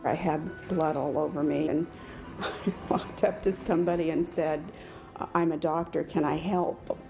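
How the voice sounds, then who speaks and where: A woman, a doctor and crash survivor, recounting her experience haltingly in an interview. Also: low-pitched, steady tone, music in the background, low-quality recording. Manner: halting, searching for words. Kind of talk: interview recollection.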